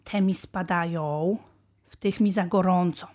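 A woman's voice: lowish voice, fairly even intonation, measured pace, natural voice. A woman playing a stubborn little bunny boy. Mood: sulky. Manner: sulky, then shouting in protest.

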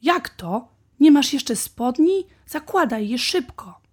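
A woman's voice: mid-range voice, measured pace, close to an everyday voice. A woman voicing a busy rabbit father in a storybook, urging his son to hurry. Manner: urgent calls, later calm and gentle. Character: busy rabbit father, hurried then calm.

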